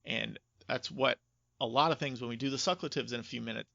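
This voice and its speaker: Fairly quick and creaky, this man's mid-range voice has a sharp edge and no echo. As a podcast co-host in a casual conversation about video game movies, he delivers emphatic, informal opinions, captured close but a bit dull.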